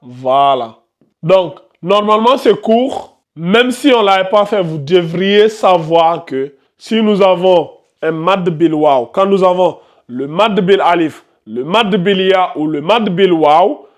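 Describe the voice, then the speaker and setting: A man teaching Quran recitation rules to a live class, quizzing his students and repeating the key terms. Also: sits high. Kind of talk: live classroom tajwid lesson.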